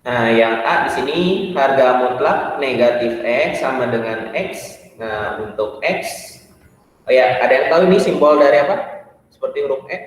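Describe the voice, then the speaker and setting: Man, math teacher, patient step-by-step explaining, distant mic, booming hall echo. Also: normal speed, a little hiss or hum. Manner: patient, step-by-step, many "nah" fillers. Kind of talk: classroom math lesson. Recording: echoey hall, far from the mic.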